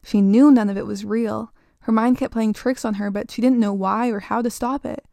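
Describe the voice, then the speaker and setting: Creaky-voiced woman reading a spooky story. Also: a little high, fairly even intonation, normal speed, warm tone, no echo, studio quality. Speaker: storyteller, podcast host. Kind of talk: scripted spooky story narration.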